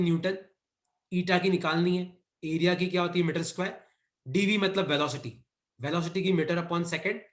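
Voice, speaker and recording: A man's voice: fairly high pitch, a bit bright, echoey room. A man teaching a physics class online in Hindi mixed with English terms, repeatedly telling students to copy notes. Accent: Indian. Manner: repeats dictation cues, mixes Hindi and English.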